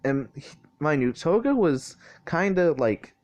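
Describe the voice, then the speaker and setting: A man's voice: on the high side, sing-song, unhurried, darkish tone. A man casually retelling a fan-made crossover story, rambling with lots of filler words and swearing, his mouth getting dry.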